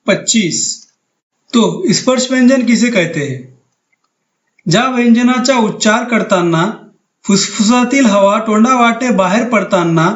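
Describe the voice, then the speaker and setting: A man with a high voice gives a patient grammar lecture over slides, going through each term slowly and restating it in other words. The recording is echoey and a bit dull, as if made in a bare room on a cheap mic. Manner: patient, methodical, repeats each term with synonyms. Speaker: teacher.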